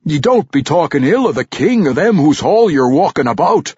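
A man voicing a gruff old male dwarf veteran with a put-on Scottish-style brogue, blunt and scolding. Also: medium pitch, animated, moderate pace, no room sound, muffled recording, voice pushed up. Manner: scolding, plain-spoken.

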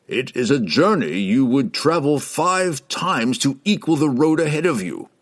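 A man reading aloud, voicing an old male wizard who speaks slowly and ominously. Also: mid-range voice, sing-song, voice pushed up. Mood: grave. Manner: slow, measured, ominous delivery.

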